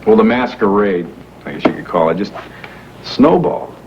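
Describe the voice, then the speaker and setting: An actor playing a wealthy young man who has posed as a factory worker, explaining himself earnestly with halting fillers, in 1980s daytime soap acting heard from a worn VHS tape copy. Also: lowish voice, lively intonation. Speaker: businessman explaining a masquerade. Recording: muffled hissy worn videotape of a TV broadcast.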